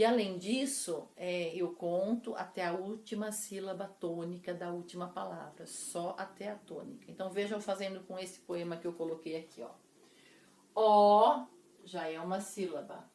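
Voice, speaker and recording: A woman teacher explaining poetic meter to her class, counting syllables slowly and deliberately. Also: mid-range voice, dark tone. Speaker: literature teacher. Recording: echoey room.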